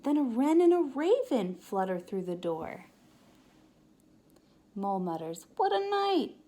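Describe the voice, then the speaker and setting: A woman preschool teacher reading a children's picture book aloud, expressive and sometimes whispering. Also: medium pitch. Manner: expressive, drawn-out storytelling with whispered bits.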